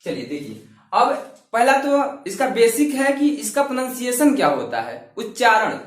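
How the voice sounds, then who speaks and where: A man's voice: extremely high pitch, big pitch swings, normal speed. A man teaching an English grammar lesson, repeating key words and asking and answering his own questions. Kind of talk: classroom lesson explaining articles. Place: classroom. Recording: very echoey room, voice from far off.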